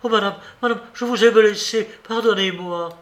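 A man's voice: sits high, lively intonation, slow, voice pushed up, heavily acted. A man reading a storybook who voices a desperate, tormented young female servant with anguished, pleading outbursts.

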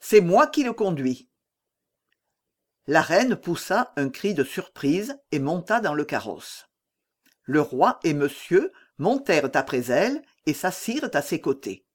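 Slow expressive reader narrating a novel, voice moves around a lot. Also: medium pitch. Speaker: audiobook narrator.

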